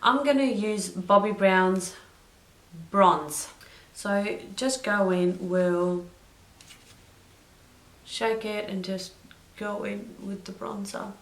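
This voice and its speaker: A woman's voice: mid-range voice, takes it slowly, long pauses. A young woman chatting through a makeup tutorial, drifting into side stories and correcting herself as she goes. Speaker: beauty vlogger. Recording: roomy echo.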